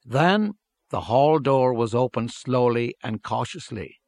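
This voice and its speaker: A man reads a literary story aloud in a measured, steady way at an even middle pitch. The sound is dry and close, with no room around the voice. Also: dry recording. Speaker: narrator. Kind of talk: scripted story narration.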